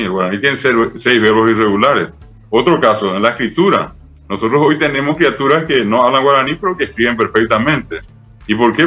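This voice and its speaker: Un hombre de mediana edad con acento paraguayo, profesor invitado que explica con paciencia y muchos "eh" y "¿verdad?". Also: male voice, medium pitch, fairly bright tone. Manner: patient, didactic, many fillers "eh" and "¿verdad?". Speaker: Guaraní language professor, guest. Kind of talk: explanatory interview talk.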